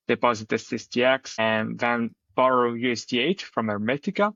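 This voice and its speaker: A man's voice: medium pitch, vocal fry, bright, forceful tone, no echo. Man on a choppy, robotic call line. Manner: methodical step-by-step explanation with frequent "like". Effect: choppy, robotic-sounding internet connection. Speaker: guest from a crypto staking project. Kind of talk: explaining finance strategies on a live audio show. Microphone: remote call connection. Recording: dull, lo-fi, dry call audio.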